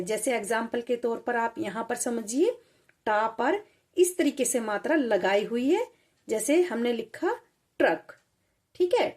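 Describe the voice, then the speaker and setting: A woman teaching young children a lesson on letters, patient and repeating each sound slowly. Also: on the high side, a little mellow.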